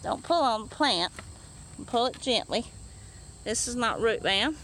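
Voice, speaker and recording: A woman's voice: fairly high pitch, expressive, measured pace, a bit bright, rough recording. A woman talking casually while working in her backyard garden, chatty and rambling with lots of fillers and restarts, out of breath from hours of yard work. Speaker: home gardener. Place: backyard garden bed, outdoors. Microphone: phone or camera held while working. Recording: faint outdoor noise.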